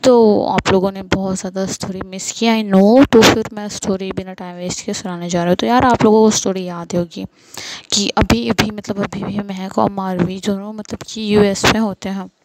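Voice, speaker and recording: Chatty young woman telling a story, gravelly. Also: medium pitch, fairly even intonation, normal speed, darkish tone, slight background noise, low-quality recording. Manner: chatty, many fillers like "matlab". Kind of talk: casual story narration with quoted dialogue.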